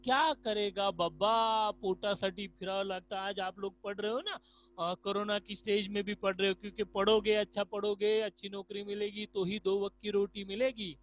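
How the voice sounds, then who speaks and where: A man's voice: high-pitched, monotone, normal speed, rough recording. A male teacher giving an online lesson, explaining each word of a story and repeating it for his students.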